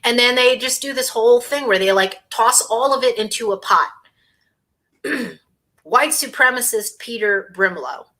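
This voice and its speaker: A woman hosting a casual livestream in a bright, sharp voice. She talks with biting sarcasm and scorn. She sometimes chews on food between remarks. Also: fairly high pitch, normal speed. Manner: eating while talking. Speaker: host.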